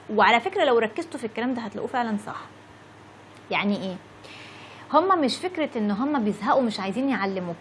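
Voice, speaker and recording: A woman's voice: on the high side, a little hiss or hum. A woman in her thirties with an Egyptian Arabic accent, chatting to viewers as an English teacher and checking in with a frequent "okay?". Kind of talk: casual lesson talk to viewers.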